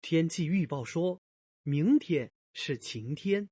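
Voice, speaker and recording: Woman as a course-dialogue speaker, low husky voice, lively pitch, slow, dry sound. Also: dry recording, full character voice. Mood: plain. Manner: slow, deliberate questioning. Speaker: speaker in a textbook audio dialogue. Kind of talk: scripted language-course dialogue.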